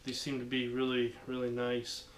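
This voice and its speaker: A medium-pitched young man at a moderate pace unboxes fishing gear for his channel in a small, dimly lit living room. He rambles relaxedly with lots of fillers; the camera across the room captures echo and background noise.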